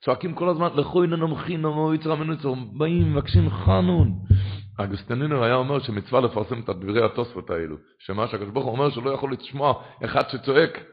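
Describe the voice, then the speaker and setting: A man's voice: medium pitch, animated. A man, a rabbi, giving an impassioned Torah lecture that rises at times into chanting. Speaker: rabbi teaching a class. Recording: dull lo-fi recording.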